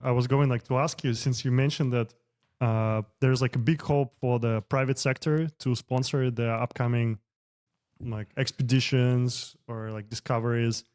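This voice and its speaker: A male interviewer with a voice of ordinary pitch poses his questions casually. He leans on "like" as he feels his way through each sentence. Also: fairly even intonation, moderate pace, a little mellow. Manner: casual, frequent "like" fillers.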